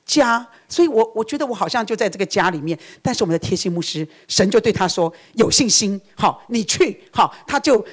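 A woman's voice: mid-range voice, animated, quick pace, few pauses, breathy edge. A middle-aged woman, preaching a sermon. She tells her own story earnestly and acts out the prayers she quotes. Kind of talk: sermon with personal testimony.

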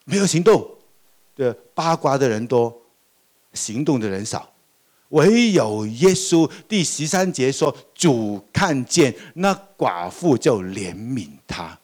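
An older man, a pastor, preaching a sermon in a lively way, often asking the congregation questions and laughing. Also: mid-range voice, a little slow, husky.

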